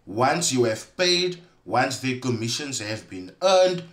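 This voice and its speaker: A man comments in a reaction video, speaking straight to his viewers. He is pointed and leans on emphatic pauses, with a mid-pitched voice in a roomy, echoey recording. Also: big pitch swings, fairly bright tone. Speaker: commentator exposing online schemes.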